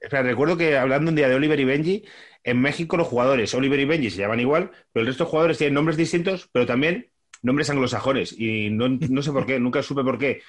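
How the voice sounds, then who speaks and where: A man's voice: mid-range voice, fast talker. A man from Spain with a Spanish accent, chatting casually as a podcast co-host, laid-back and slangy, often repeating his words. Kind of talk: casual chat.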